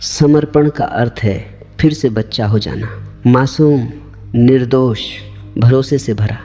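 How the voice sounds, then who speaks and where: A man giving a slow, calm spiritual discourse as a teacher, with short repeated phrases. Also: mid-range voice, soft background music.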